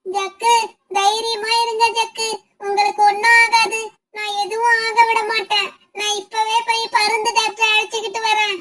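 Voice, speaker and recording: A woman voicing a gentle, devoted young bride myna bird in a cartoon, in a very high, thin voice with earnest pleading delivery. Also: normal speed, soft background music. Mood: frantic. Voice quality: very high, thin and flat-toned. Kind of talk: cartoon voice acting.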